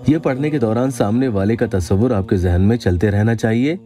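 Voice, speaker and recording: Low, mellow-voiced man narrating religious instruction. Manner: calm, measured instruction with slow Arabic recitation. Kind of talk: scripted voice-over narration. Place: voice-over studio.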